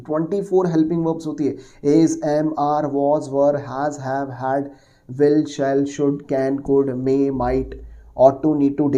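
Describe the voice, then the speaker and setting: Man explaining grammar rules in a mellow voice. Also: fairly high pitch. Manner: explains patiently, repeats himself, asks the class questions and answers them; mixes Hindi with English words and phrases. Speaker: English teacher. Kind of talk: exam-prep grammar lesson.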